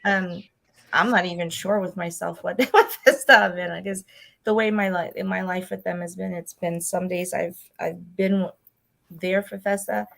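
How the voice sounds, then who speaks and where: A woman's voice: on the low side, steady tone, moderate pace, vocal fry, a bit bright, low-quality recording. A woman hosting a casual fan chat over a video call, talking in a chatty, rambling way. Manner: chatty, rambling, laughs often. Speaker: host.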